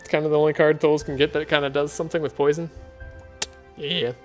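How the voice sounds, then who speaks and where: Soft-spoken sleepy-voiced man streaming a game. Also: on the high side, flat delivery, fast talker, faint music behind. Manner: soft, sleepy, easygoing, chuckles often. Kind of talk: relaxed gameplay commentary.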